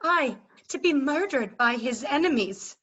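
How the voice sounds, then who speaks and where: A woman's voice: sits high, animated, measured pace, a bit bright. A woman playing a proud, scornful warrior queen and wronged mother in declamatory, emphatic Shakespearean verse over a muffled video call. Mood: defiant. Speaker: actor in staged reading. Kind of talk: Shakespearean verse drama, theatrical delivery.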